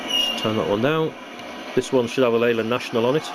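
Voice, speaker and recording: At an indoor hobby workbench, a British man casually narrates a hands-on demonstration of his model railway build. He speaks quickly in a medium-pitched voice. The room recording is noisy, with a hum.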